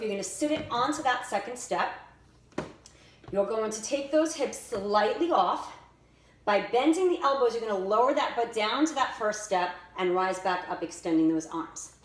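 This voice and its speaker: A woman fitness instructor giving directive, step-by-step workout instruction and exercise cues. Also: medium pitch. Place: indoors by a staircase. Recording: echoey room with faint noise.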